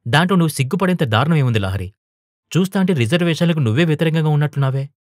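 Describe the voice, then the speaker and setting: A man's voice: on the high side, lively intonation, very fast, no echo, clean studio sound, pitched above the performer's own voice, natural voice. A man voicing an outspoken young woman teacher in an audio storybook, earnest and turning heated. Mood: indignant. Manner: earnest, rising to heated protest.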